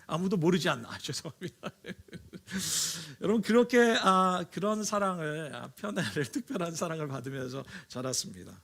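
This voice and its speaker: A male pastor preaching a sermon in Korean, telling a story with lively acted-out quotes and frequent hesitant fillers. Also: fairly high pitch, vocal fry, husky. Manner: animated storytelling, acts out quoted lines in raised voice.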